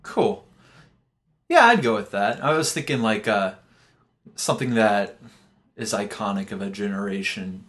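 A man's voice: lowish voice, animated, a little slow, pauses often, fairly bright tone. A young man hosting a podcast, talking casually in a rambling, joking way. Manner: rambling, jokey, full of fillers and restarts. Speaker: podcast host. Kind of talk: casual chat.

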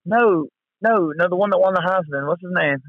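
A man's voice: high-pitched, moderate pace, no room sound, phone-quality sound. A man chatting casually about sports as a co-host, enthusiastic and full of bro-ish slang, often repeating himself. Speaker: co-host of a sports talk show.

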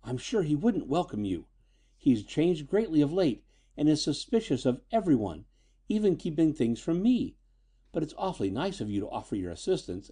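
In a storybook reading, a man voices a young woman who is frightened, high-strung, and defiant, sounding nervous and emotional. His tone is warm with a breathy edge.

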